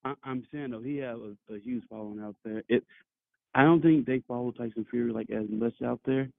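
A man's voice: fairly quick, creaky, no room sound. A man calling in over a muffled phone line while leaving an office, talking loosely and repeating words. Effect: muffled, bass-heavy phone line. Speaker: remote caller on a show. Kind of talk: casual chat.

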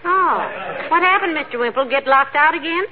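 Woman as a wry, high-voiced sensible wife. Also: brisk, a crowd in the background, lightly acted. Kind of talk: 1940s radio comedy acting. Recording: tinny noisy vintage radio broadcast.

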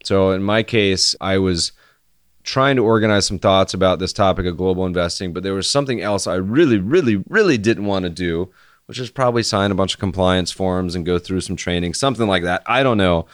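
A deadpan American man delivers a solo podcast monologue in a low, monotone voice. He sounds casual and conversational, recorded close and dry with very little room sound. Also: brisk, clear, resonant tone, no echo. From United States. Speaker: podcast host.

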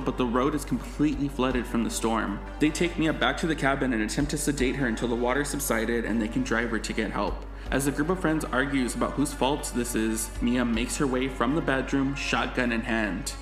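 A man co-hosting a casual movie podcast, recapping a horror film's plot with animated commentary. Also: mid-range voice, roomy sound. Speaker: podcast co-host. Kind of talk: casual movie review chat.

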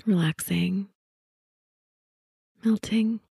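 Very mellow, hushed woman narrating for sleep. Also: medium pitch, steady tone, gravelly, breathy edge, dry recording, clean studio sound. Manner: soothing, unhurried phrasing with long pauses, drifting toward a whisper. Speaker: guided sleep meditation narrator. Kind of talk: sleep story narration, guided body-scan relaxation.

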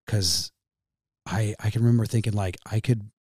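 A man in his thirties with a Midwestern American accent, a podcast guest telling an emotional story in a halting way, repeating himself and calling the host man. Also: lowish voice, steady tone, darkish tone, breathy edge, no room sound, clean studio sound.

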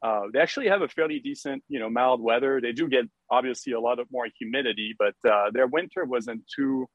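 A man's voice: mid-range voice, a little fast, dry recording, lo-fi sound. A middle-aged man from France with a French accent, chatting casually as a podcast guest with many fillers and easy laughter. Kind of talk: casual interview chat.

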